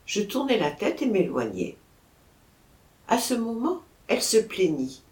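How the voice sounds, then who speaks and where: A woman reads a first-person story aloud in a measured, expressive style. Her pace is slow and her pitch moves in lively arcs. The recording has a roomy echo. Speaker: audiobook narrator.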